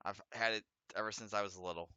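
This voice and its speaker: A man with a slight lisp and a bright, forceful voice chats his way through a game, reading its lines aloud. His S and R sounds come out a little off, and he trips over foreign words and corrects himself. The recording is dry and close, with no room sound. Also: on the low side, fairly even intonation, fast, clear, resonant tone, dry recording, lo-fi sound. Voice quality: speech impediment, trouble with S and R sounds, a slight lisp. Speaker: let's play host. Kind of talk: casual gameplay commentary, reading game text aloud.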